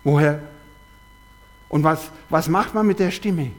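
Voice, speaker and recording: A man delivers a sermon in a noticeably high-pitched voice. He tells everyday stories and keeps returning to the same refrain and rhetorical questions. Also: slow. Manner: storytelling with repeated quoted refrains and rhetorical questions. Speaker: preacher.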